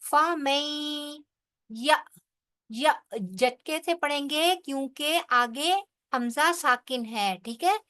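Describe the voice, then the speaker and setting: A woman teaches the rules of Quranic recitation in a bright, high voice. She speaks at an unhurried pace, explaining each point step by step before reciting the words slowly. She checks in with her listeners often along the way. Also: lively intonation. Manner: checks in with frequent "theek hai". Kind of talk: tajweed lesson with slow recitation.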